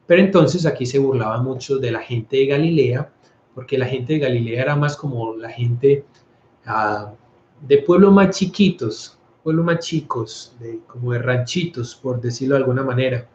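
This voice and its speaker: A Colombian priest with a medium-pitched, slightly mellow voice chats casually about scripture at a moderate pace, stumbling over words and restarting them. The echoey room makes the sound roomy and slightly muffled and dull, with a little hiss or hum.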